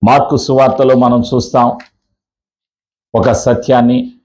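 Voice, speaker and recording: Male preacher, church sermon, mid-pitched, hammers points with questions and drawn-out repetitions. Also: little pitch movement, darkish tone, poor audio. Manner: drawn-out slow phrases in series. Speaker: pastor.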